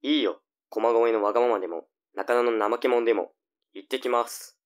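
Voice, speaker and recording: A man's voice: medium pitch, fairly quick, close to an everyday voice. A man playing a nagging, flippant young older brother in a tongue-twister audio drama. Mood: sulky.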